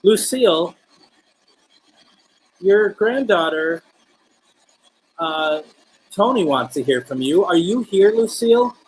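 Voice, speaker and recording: A man with a high, breathy-edged voice runs a live paranormal stream, animated yet slow, leaving long pauses. He chats casually, putting questions to spirits and viewers he can't see. The audio is poor.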